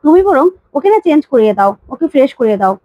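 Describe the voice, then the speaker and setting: A woman voicing a calm young woman giving gentle instructions. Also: high voice, very fast, no echo, highs cut off. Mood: advising.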